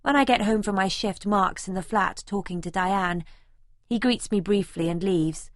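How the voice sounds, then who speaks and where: In a lightly acted first-person audiobook narration, a woman plays a young, observant student recounting her own life. Her mid-range voice moves at a moderate pace, observant and matter-of-fact in mood, captured as clean studio sound with no room echo.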